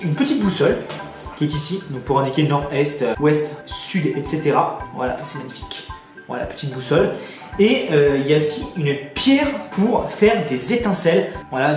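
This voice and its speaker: A man's voice: on the high side, darkish tone. A man chatting casually to his viewers on a headset mic as he unboxes things, eager and addressing them as friends. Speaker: YouTuber. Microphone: borrowed headset. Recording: echoey, distant headset sound with music.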